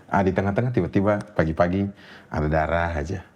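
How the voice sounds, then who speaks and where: A man, telling a personal ghost story in a casual interview, animated and laughing often. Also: fast talker, dull audio. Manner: animated, jumps high when quoting others, laughs often. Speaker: guest storyteller.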